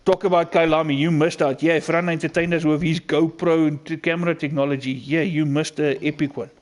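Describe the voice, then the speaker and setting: South African man, higher-pitched, Afrikaans accent. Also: steady tone, brisk. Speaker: esports race commentator. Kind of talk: casual live stream commentary.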